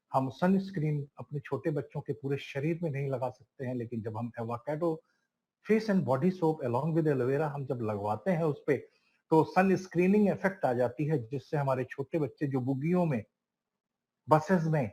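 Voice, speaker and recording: A man's voice: on the high side, darkish tone, rough recording. A man giving a product training class, emphatic and listing items one by one, calling his listeners friends and asking them questions. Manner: emphatic, lists items one by one with rising stress.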